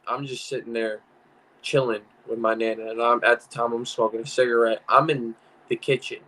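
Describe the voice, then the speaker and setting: A man's voice: mid-range voice, flat delivery, fairly quick, fairly bright tone, low-quality recording. A young man co-hosting a podcast, telling a story casually and acting out the dialogue, repeating words for effect. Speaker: podcast co-host.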